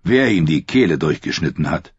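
Man reading as a cynical, mocking knight, deep and husky, dry sound. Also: sing-song, normal speed, no room sound, exaggerated voice. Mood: sardonic. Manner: dry, sardonic. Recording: dry, slightly dull studio audio.

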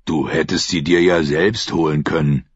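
A man voicing a cautious young man who gives quiet warnings. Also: rumbling low, steady tone, moderate pace, slightly rough, no echo, dull audio. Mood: wary.

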